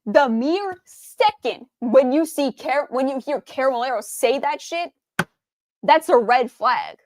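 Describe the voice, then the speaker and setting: High-voiced ranting woman streamer. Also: animated, unhurried, a little mellow, no room sound. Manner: exasperated, ranting, swears freely. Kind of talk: game reaction commentary.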